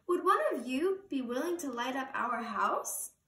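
A woman's voice: high-pitched, expressive, measured pace, pushed and bright, heavily acted. A young woman voicing a polite, kindly male hermit crab while reading a storybook aloud, recorded from across a living room. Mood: earnest. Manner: polite, earnest asking. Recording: roomy living room from far camera.

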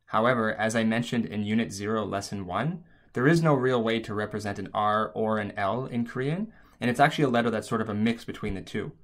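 A man's voice: fairly low pitch, a little fast. A man narrating an instructional language lesson as a teacher, explaining things step by step.

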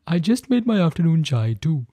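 A jolly elderly neighbor uncle full of blessings, as a woman puts him on. His voice sits dark and mellow and rises and falls in a lively way. It is a children's storybook reading. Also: sits low, moderate pace, dry recording, pitched below the performer's own voice. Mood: cheerful. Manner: warm blessing-giving, chuckling. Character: cheerful elderly man, kindly neighbor uncle.

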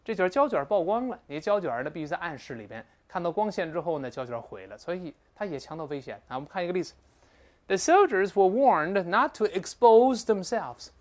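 A man teaching English vocabulary in a lecture, speaking with animated interjections and slow, drawn-out pronunciation drills. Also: on the high side.

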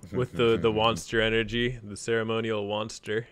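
A man's voice: on the low side, flat delivery, normal speed, fairly bright tone. A man hosting a game stream, talking casually and laughing often into a desk mic on an arm. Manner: easygoing, chatty, laughs often. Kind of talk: casual gaming chat.

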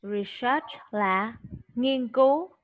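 A woman's voice: on the high side, extremely slow, narrow, tinny audio. A woman tutoring a child in English vocabulary, patient and coaxing, mixing Vietnamese and English.

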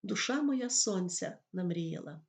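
A woman's voice: on the low side, lively intonation, measured pace, gravelly, a little mellow. A woman teacher giving a school lesson on poetry, explaining patiently and reading verse lines aloud. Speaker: literature teacher.

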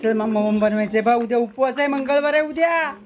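A woman's voice: fairly high pitch, brisk. A woman filming a casual home vlog in her kitchen, talking to her pets in fond baby talk. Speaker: home vlogger. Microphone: handheld phone.

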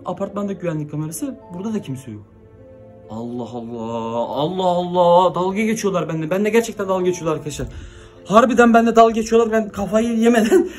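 Young guy vlogging at home, super high voice, rattling off fast and freaked out. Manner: frantic, exclaiming, confused. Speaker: YouTuber. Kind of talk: excited vlog talk to viewers.

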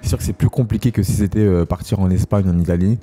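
A man's voice: sits low, quick pace, warm tone. A man in his thirties from Kinshasa, chatting casually with many hesitant fillers. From Congo, Kinshasa. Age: 30s. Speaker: co-host of a couple's channel. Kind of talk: casual chat.

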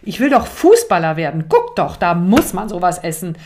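A woman voicing a football-mad five-year-old boy who shouts eagerly. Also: wildly swooping pitch, normal speed, slight background noise. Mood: excited. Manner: shouting eagerly, high and loud.

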